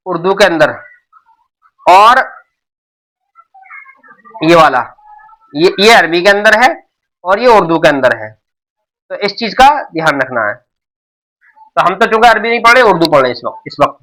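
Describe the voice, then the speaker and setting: Teaching the alphabet to beginners, this middle-aged Urdu instructor explains with patience, says things again and again, and frequently restarts. He has a high, slightly bright voice captured in poor audio.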